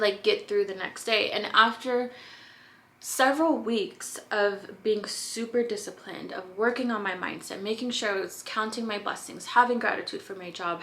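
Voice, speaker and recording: A woman's voice: medium pitch, bright, forceful tone, slight background noise. A young woman and podcast host talking to camera in a casual, candid chat, slightly out of breath and full of "like"s. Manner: chatty, candid, filler-heavy with frequent "like".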